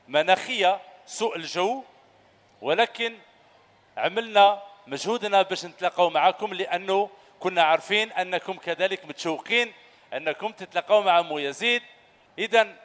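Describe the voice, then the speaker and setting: With a high voice and an Algerian Arabic accent, a man in his thirties hosts a children's show, holding a handheld mic as he quizzes kids on stage. He's animated and coaxing, firing off questions in a lively quiz. The large indoor sports hall is packed with children, so the recording is echoey with a loud crowd.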